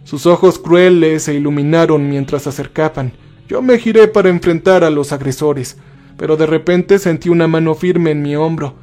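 A man's voice: fairly high pitch, normal speed, darkish tone, soft background music. A man narrating a first-person horror story, switching into raised voices for the characters.

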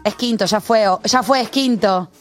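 A woman's voice: medium pitch, normal speed, soft background music. A young Rioplatense woman co-hosting a radio chat and telling stories with quoted asides. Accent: Rioplatense Spanish. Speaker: radio show co-host. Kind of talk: lively casual chat.

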